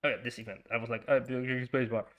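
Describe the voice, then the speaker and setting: This is a man with a Frisian Dutch accent streaming a strategy game, thinking aloud and greeting viewers as he stumbles through fillers and restarts. His mid-range voice is a bit bright, a little fast, and shows little pitch movement.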